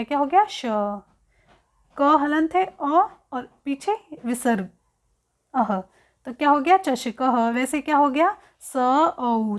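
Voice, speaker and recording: Female teacher, higher-pitched, unhurried delivery, repeats each word while explaining the lesson. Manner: slow, repeats words, asks and answers own questions. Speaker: Sanskrit teacher.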